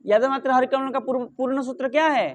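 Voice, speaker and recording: A middle-aged man teaching Sanskrit grammar, asking questions and answering them himself, reciting the rules slowly. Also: extremely high pitch, fairly even intonation. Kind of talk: explaining grammar rules in a lesson.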